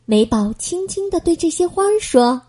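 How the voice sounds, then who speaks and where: A woman reading a children's bedtime story aloud in a gentle, expressive manner. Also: very high-pitched, moderate pace.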